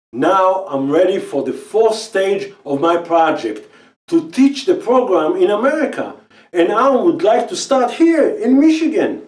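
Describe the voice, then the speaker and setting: This personal testimonial comes from a middle-aged man with an Israeli accent, a native Hebrew speaker, sincerely describing quitting smoking as he pitches a quit-smoking program. He speaks slightly non-native English in a high-pitched, a little mellow voice, captured roomily from a distance.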